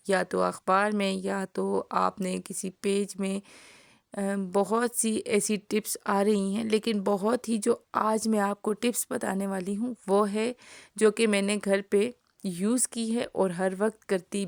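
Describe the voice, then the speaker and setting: Speaking at a measured pace with a mid-range, fairly even voice and some vocal fry, a woman with a sore throat narrates her home cooking tutorial. As the channel host, she addresses viewers warmly and explains every step; the separately recorded voice-over is studio quality without echo.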